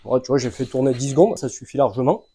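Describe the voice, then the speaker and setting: A man casually talking the viewer through a van oil change, relaxed and informal, with frequent filler sounds. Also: mid-range voice, fast talker, slight background noise. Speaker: mechanic hosting a tutorial channel. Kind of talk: casual how-to instruction.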